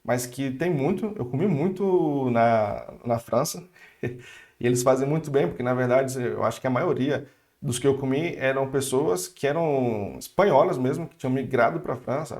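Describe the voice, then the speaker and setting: A man's voice: mid-range voice, a little mellow. Chatty Brazilian man teaching French. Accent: Brazilian Portuguese. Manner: chatty, upbeat, with asides and restarts. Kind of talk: casual online language lesson.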